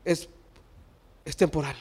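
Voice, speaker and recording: A middle-aged male preacher giving a sermon, moving from quiet talk to loud preaching shouts and slipping English words into his Spanish. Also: slow pace.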